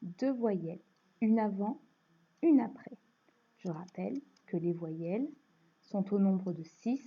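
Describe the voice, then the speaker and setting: A woman with a French accent teaching a phonics lesson to young children, explaining slowly and patiently. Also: mid-range voice, expressive, slightly rough. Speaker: primary school teacher. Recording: dull lo-fi recording.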